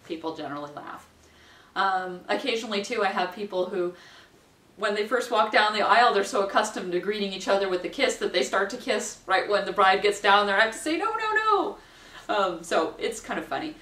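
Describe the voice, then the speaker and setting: A woman's voice: mid-range voice, animated, brisk, distant mic. A woman in her forties talks new ministers through a wedding ceremony in a chatty, practical way, now and then acting out people's lines. Her voice sits in a mid range. It is picked up by a camera some way off, so the sound is roomy and echoey. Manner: chatty, practical, acts out quotes with a bright lilt. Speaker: wedding minister giving training. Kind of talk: instructional talk to camera. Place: small room at home, indoors. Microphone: camera mic at a distance.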